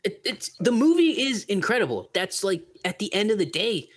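A man co-hosting a podcast, chatting enthusiastically about a film with halting restarts. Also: high voice, very animated, breathy edge. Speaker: podcast co-host. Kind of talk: casual film review chat.

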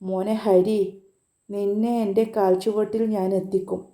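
A vengeful, sneering young thug with a very dark, mellow tone, voiced by a woman reading a story aloud. He talks angrily and plots payback. The storybook reading sits in a roomy, echoing space. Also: medium pitch, level tone, a little slow, natural voice. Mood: menacing. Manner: angry, sneering. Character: hot-tempered young male thug, vengeful and scheming. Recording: roomy echo.

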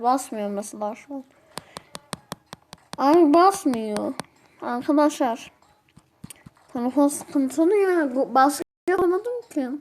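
A woman's voice: sits high, a little mellow, rough recording. A woman giving casual commentary over a mobile game, exasperated and pleading with a phone that won't respond.

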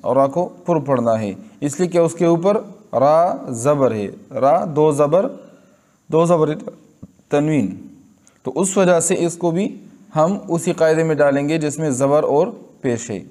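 A man with a Pakistani Urdu accent teaches recitation rules, repeating each example word and asking and answering his own questions. His voice sits a little high, and he talks at an unhurried, deliberate pace. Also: lively intonation, warm tone. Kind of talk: slow tajweed lesson.

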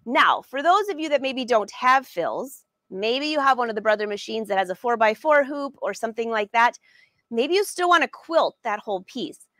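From her studio, a woman in her forties runs a live sewing class, upbeat and chatty as she greets viewers by name; she works as a sewing educator and brand ambassador. Her voice is on the high side and a bit bright, with lively intonation and a moderate pace, and there is no room sound.

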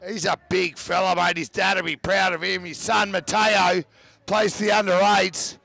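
A man giving live rugby commentary, excitable and often shouting over the play, with chatty asides about the players. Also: high-pitched, normal speed, creaky, dry recording.

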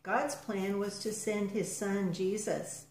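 A woman reading a storybook aloud to children, gentle and expressive, with soft drops in volume. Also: mid-range voice, slow pace, roomy sound, low-quality recording.

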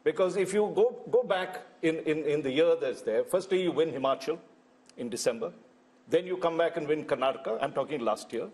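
A man's voice: a little high, expressive, brisk, a little mellow. An Indian-accented man giving unscripted election analysis on television in an emphatic, explanatory way.

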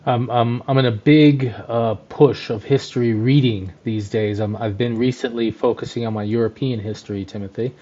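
A man's voice: medium pitch, fairly even intonation, moderate pace, hardly any pauses, mellow, highs cut off. A man co-hosting a podcast, rambling enthusiastically with plenty of fillers in casual chat. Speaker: podcast co-host, journalist.

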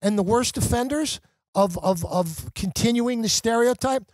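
A man's voice: very high voice, normal speed, a little mellow, dry recording. A man who works as a journalist and talk radio host, a guest on a podcast, arguing his points with emphatic, impassioned conviction. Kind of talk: podcast conversation.

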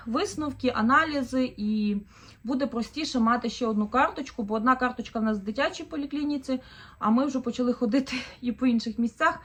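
Ukrainian mom vlogger rambling thru her shopping haul, kinda high voice, umms and ers. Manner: chatty, thinking aloud with fillers. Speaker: vlogger, mother of four. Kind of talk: casual shopping haul chat.

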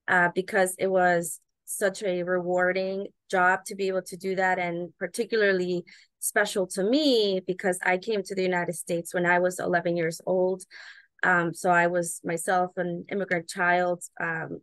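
Woman, 30s, from Ecuador, native Spanish speaker; earnest measured panelist over webcam, lower pitch, dry. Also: a bit bright, dry recording. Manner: earnest, measured, with frequent fillers. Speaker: immigration attorney, panelist. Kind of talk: webinar panel answer. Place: indoor room on a video call. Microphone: video call webcam.

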